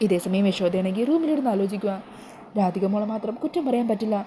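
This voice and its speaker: A woman's voice: mid-range voice, lively intonation, warm tone, a little hiss or hum, low-quality recording. A woman recapping a TV serial episode in a casual, colloquial storytelling manner. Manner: rapid, colloquial retelling.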